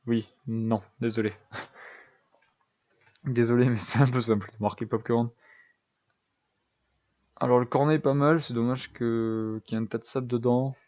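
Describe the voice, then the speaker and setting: A man's voice: medium pitch, steady tone, unhurried, pauses often, darkish tone, muffled recording. A young man giving casual, self-deprecating commentary over a building game, thinking aloud with lots of fillers. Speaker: gaming YouTuber.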